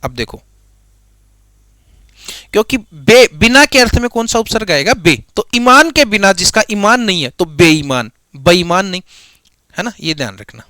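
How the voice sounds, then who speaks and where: Male grammar tutor with a lilt. Bright, sharp tone. Drills students with repeated questions and slow repetition. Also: sits high, no echo. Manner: repeats key words slowly, quizzes students with questions. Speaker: Hindi grammar teacher. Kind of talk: classroom lecture.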